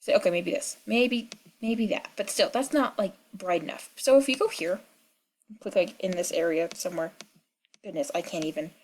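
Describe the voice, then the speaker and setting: A young woman's lowish, animated voice moves at normal speed over a slight hiss or hum as she gives rambling gaming commentary from her country home. She has a cold and keeps clearing her throat, chatting away with plenty of fillers and side remarks.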